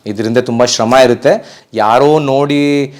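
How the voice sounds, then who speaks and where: Man, from Karnataka, professional DJ, interview guest, earnest, emphatic, middle pitch. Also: measured pace, a little mellow. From Karnataka, India. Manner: earnest, emphatic, repeats pleas. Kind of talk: casual interview talk.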